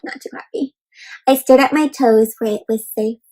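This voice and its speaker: Loud music plays behind a woman whose voice sits on the high side and moves at normal speed. She hosts an interactive storybook session for young children, addressing them as friends and asking them questions often.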